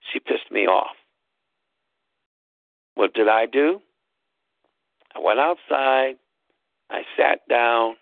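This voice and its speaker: Over a thin, phone-style line with a dry sound, a talk-show host with a gravelly, medium-pitched voice spins a casual tale. He's loud and emphatic, spelling out words and repeating them to drive the point home.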